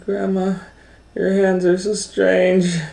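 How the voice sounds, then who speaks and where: A man's voice: sits high, completely flat delivery, takes it slowly, creaky, dark tone, voice pushed up, exaggerated voice. A man voicing a frightened, polite little girl in a children's storybook, exclaiming anxiously. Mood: alarmed wonder. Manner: exclaiming, wide-eyed and anxious. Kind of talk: children's storybook read-aloud.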